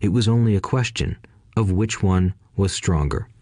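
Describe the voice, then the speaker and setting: A man narrating an audiobook in a steady, measured storytelling manner. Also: low-pitched, no room sound, studio quality.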